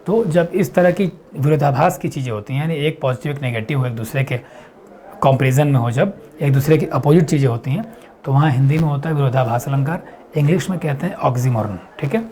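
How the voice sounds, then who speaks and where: A man teaching an exam-prep lesson, explaining step by step and answering his own questions, reading quiz lines slowly. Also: medium pitch, warm tone. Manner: reads English quiz lines slowly and deliberately.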